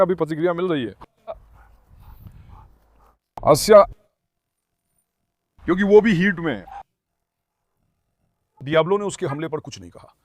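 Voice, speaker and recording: Dog owner with a bright, dry voice. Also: male voice, high-pitched, no room sound. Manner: talks to viewers and calms his dogs in turns. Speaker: dog owner filming his dogs. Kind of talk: casual commentary to viewers.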